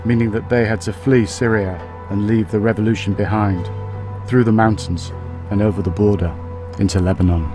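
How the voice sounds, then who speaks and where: Measured male documentary narrator. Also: on the low side. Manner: calm, measured storytelling. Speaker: documentary filmmaker. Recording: roomy sound with music behind.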